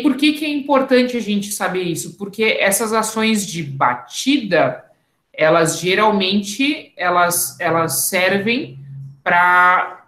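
A woman's voice: medium pitch, a bit bright. A woman fencing coach with a Brazilian Portuguese accent, patiently explaining technique and calling out drill commands in an online class. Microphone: camera mic, moving away at times. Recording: echoey room.

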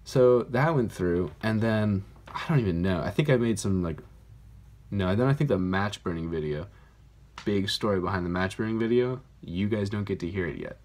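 A man's voice: fairly low pitch, lively intonation, moderate pace, a little mellow. A man hosting his own channel, talking casually to camera in a rambling, self-deprecating way full of fillers, recorded on a phone. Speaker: YouTuber, channel host. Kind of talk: casual vlog talk to camera. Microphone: phone camera mic.

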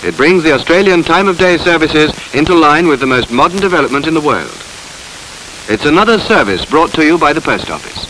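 A man narrates a 1950s documentary in formal, measured phrases. His voice sits a little higher than usual for a man. The old film soundtrack adds a light hiss. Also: lively intonation, fairly bright tone, low-quality recording.

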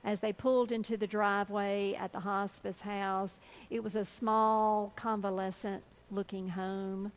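A woman pastor with a Southern US accent, telling a story in a sermon with an earnest, measured delivery. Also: medium pitch, poor audio.

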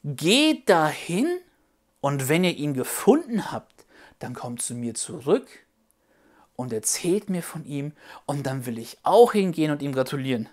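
A sly old king plotting murder, as a woman puts him on for a children's Bible story. He talks slow and hushed, dropping low and soft with menace. Deep, wide swings in the delivery. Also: big pitch swings, exaggerated voice. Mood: falsely friendly.

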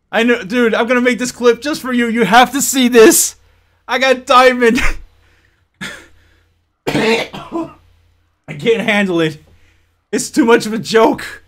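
A gaming channel host gives live gameplay commentary, ranting with exasperation and profanity as he swings between shouting and low muttering.

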